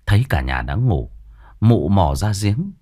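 A man's voice: deep voice, sing-song, a little slow, warm tone. A man, dramatically narrating a ghost story.

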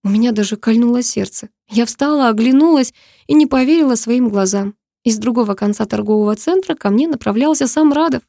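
A woman reads a first-person romance audiobook in an emotive, intimate way. Her voice is fairly high yet mellow and soft-toned. The close, dry studio recording has no room sound at all. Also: a little fast, creaky, dry recording. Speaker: audiobook narrator.

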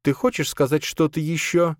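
A woman's voice: low voice, steady tone, moderate pace, dry recording, clean studio sound, pitched above the performer's own voice, natural voice. A man voicing a stern, authoritative woman who runs her household, speaking curtly. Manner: curt, authoritative. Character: stern commanding lady of the house.

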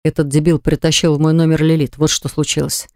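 A furious young man , voiced by a female reader, growls his threats low and tight through his teeth. It is a dry, clear studio read with no room sound. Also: steady tone, fairly quick, darkish tone, dry recording, lightly acted.

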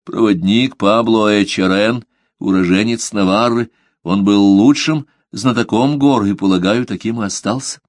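A man voicing a devout male merchant who answers politely, measured and quietly firm, in an audiobook. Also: on the low side, dry recording, clean studio sound, close to an everyday voice. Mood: composed. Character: calm devout male merchant under questioning. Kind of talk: audiobook character reading.

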